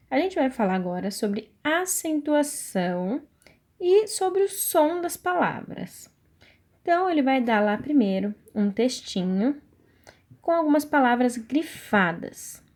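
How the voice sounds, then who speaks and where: Brazilian woman teacher, fairly high voice, patient, lesson-style delivery. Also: darkish tone. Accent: Brazilian Portuguese. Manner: patient, stretches out key words slowly. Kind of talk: recorded online lesson.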